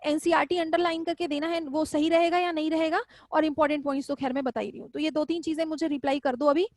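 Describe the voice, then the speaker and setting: A woman's voice: high-pitched, little pitch movement, fast, darkish tone, no room sound. A woman teaching zoology in a live online class, chatty and affectionate, often repeating questions back to her students. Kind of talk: live online class, casual Hindi lecturing.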